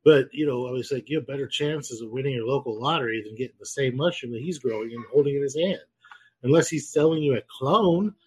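A man hosting a podcast, chatting casually in a rambling, profane, animated way. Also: medium pitch, fast talker, slightly rough. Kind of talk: casual chat.

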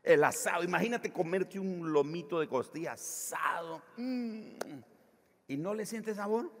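Animated preaching man in a reverberant hall. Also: high voice, a little slow, a little hiss or hum. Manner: animated preaching, acts out voices in quotes. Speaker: pastor. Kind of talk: sermon.

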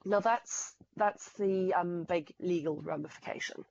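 An unhurried, gravelly, darkish voice of fairly low pitch belongs to a Zimbabwean fraud specialist appearing as a podcast guest. Over lo-fi sound, she gives earnest, fact-heavy explanations with frequent restarts.

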